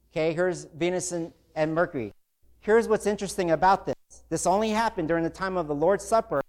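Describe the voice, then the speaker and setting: A man's voice: sits high, a little mellow. A man preaching a sermon to a congregation, talking casually and growing emotional and intense.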